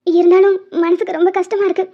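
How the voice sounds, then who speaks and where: A woman's voice: very high voice, level tone, fast talker. A woman voicing a tender-hearted young wife in a cartoon, tearful and pleading. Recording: dull lo-fi sound.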